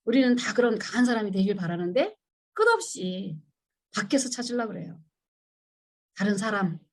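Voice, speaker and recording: A woman's voice: medium pitch, expressive, moderate pace. A middle-aged woman teaching a church women's seminar, acting out her own past pleas as quotes and putting questions to the listeners. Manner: asks the audience questions. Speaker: seminar speaker.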